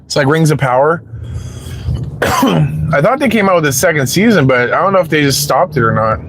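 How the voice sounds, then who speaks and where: A man's voice: fairly high pitch, animated, moderate pace, noisy background. A man chatting casually with his live-stream viewers while waiting for rides in his parked car, rambling and swearing freely.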